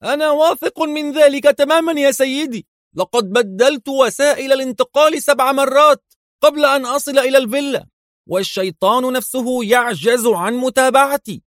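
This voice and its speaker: A man voicing a terrified captured hitman who pleads in a panicked, hurried way. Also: high voice, sing-song, a bit bright, no echo, clean studio sound, voice pushed up. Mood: eager.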